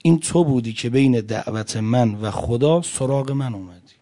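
Male preacher, sermon, dark mellow voice, loud then hushed, addresses the listeners. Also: mid-range voice. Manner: addresses listeners directly, swings between loud emphasis and quiet lines. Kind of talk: religious sermon with storytelling.

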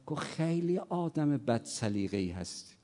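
A man delivers a sermon in a large hall, his fairly high voice carried by a long reverb. He tells stories, voicing their characters in dialogue. He moves between quiet narration and loud, impassioned preaching. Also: very animated. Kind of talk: sermon with storytelling.

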